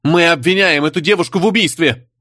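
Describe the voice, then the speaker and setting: A man's voice: fairly high pitch, quick pace, bright, forceful tone, no room sound, clean studio sound, voice pushed up. A man reading the part of a stern woman commander who speaks in harsh, cutting accusations. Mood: harsh accusing.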